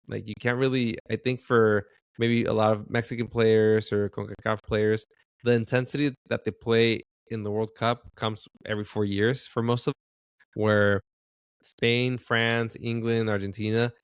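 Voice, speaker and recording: Guy with a smooth lowish voice on a podcast, dry sound, lots of "like". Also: no echo. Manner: hesitant, heavy use of "like". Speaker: podcast co-host. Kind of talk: casual chat.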